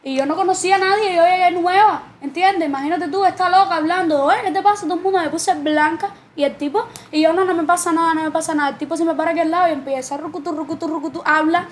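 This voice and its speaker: A woman's voice: extremely high pitch, steady tone, fast, hardly any pauses, a little hiss or hum. A young Cuban woman with a Cuban accent, telling a story in a casual, chatty way. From Cuba.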